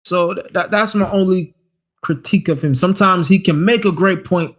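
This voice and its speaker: In a high voice at normal speed, a man co-hosting a podcast chats casually and with animation. Stammers and restarted sentences come often.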